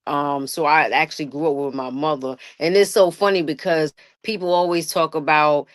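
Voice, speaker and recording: A woman's voice: sits low, moderate pace, no room sound, studio quality. Laughing New woman telling stories. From Brooklyn, New York. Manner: animated, laughs often, vernacular speech. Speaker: interview guest, rapper and artist. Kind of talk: casual storytelling interview.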